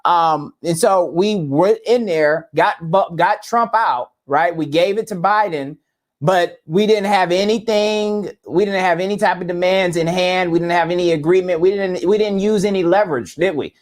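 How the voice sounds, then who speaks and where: A man with a fairly high-pitched voice co-hosts a relaxed political discussion. He reads news articles aloud and comments on them in an easy, conversational way. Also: normal speed. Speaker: podcast co-host.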